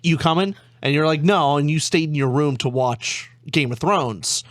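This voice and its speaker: A man's voice: a little high, moderate pace, fairly bright tone, no echo, clean studio sound. A young man as a guest in a casual chat, telling stories in a wry, teasing way. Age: young adult.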